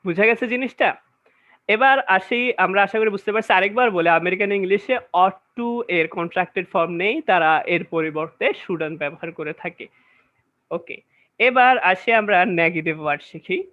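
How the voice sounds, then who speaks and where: A man's voice: sits high, normal speed. A man gives a classroom-style grammar lecture. He explains step by step and keeps asking whether his listeners follow. The recording is dull and lo-fi. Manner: explains step by step, often checks understanding with questions. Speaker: English grammar teacher.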